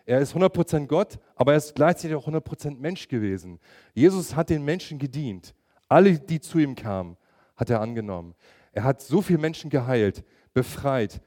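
A man's voice: mid-range voice, expressive, a little fast, warm tone. A middle-aged man preaching a sermon, emphatic and asking his listeners direct questions.

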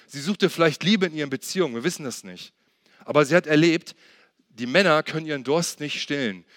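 A man's voice: fairly high pitch, fairly bright tone, no room sound, studio quality. A man preaching a sermon, earnestly asking the listener questions and retelling a Bible story in his own words. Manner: acts out the Bible figures' words in plain retelling.

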